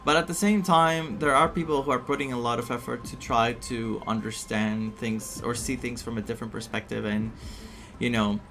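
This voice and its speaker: With game music underneath, a man streams a story game, his mid-range voice fairly even and fairly bright at a normal speed. He rambles chattily, full of fillers, and ridicules the vague fortunes by putting on voices. Slight background noise is present.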